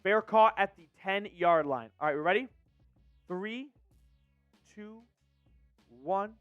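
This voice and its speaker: An excitable man hosts a live fan watch party, calling each play and rallying his chat. His voice sits high. He is recorded dry and close, with faint music underneath. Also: takes it slowly, clean tone, dry recording, phone-quality sound. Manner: excitable, hypes chat and reads super chats. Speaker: fan channel host doing live play-by-play.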